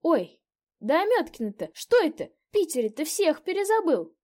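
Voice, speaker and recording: A woman's voice: very high voice, very animated, a little mellow, pitched above the performer's own voice. A woman reading a story aloud, voicing a fussy, gossiping old peasant innkeeper woman. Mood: chattering. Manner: fussy, fawning, quick to exclaim. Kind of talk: audiobook character voice.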